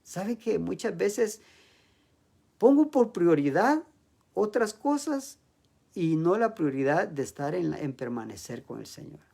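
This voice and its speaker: A man's voice: high voice, measured pace, vocal fry. A man preaching an evening sermon to his church, asking the listeners questions and acting out heartfelt prayers aloud. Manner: animated, acts out prayers aloud, rising to loud pleading passages.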